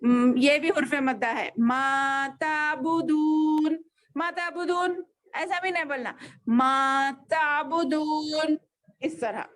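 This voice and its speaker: A woman teaching a children's Quran class over a video call, patiently spelling out each letter and vowel. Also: high-pitched.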